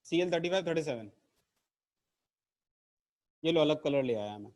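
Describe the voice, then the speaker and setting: A man's voice: fairly high pitch, animated, normal speed, darkish tone. A man teaching an online chemistry lesson to camera in a playful, theatrical way, teasing his class. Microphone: camera mic.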